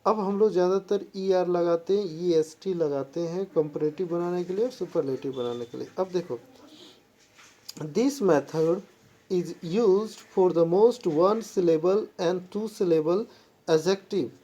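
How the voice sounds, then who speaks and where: Slow, deliberate woman teaching grammar. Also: lowish voice, mellow. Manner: mixes Hindi and English, spells words out letter by letter; slow, halting delivery when reading English rules. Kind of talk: classroom-style lesson explanation.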